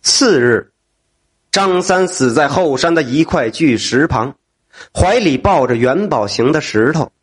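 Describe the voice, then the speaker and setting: A man storytelling a folk tale in an animated, exclaiming manner. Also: a little high, a little slow, slightly rough.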